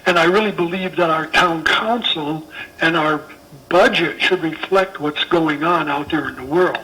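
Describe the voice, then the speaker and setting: A man phoning in as a caller, his voice coming through over the line. He talks in a high, forceful tone and drives his points home by repeating them. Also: measured pace. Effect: call-in voice heard over the phone line. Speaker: caller phoning in to a town budget hearing. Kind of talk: public comment by phone.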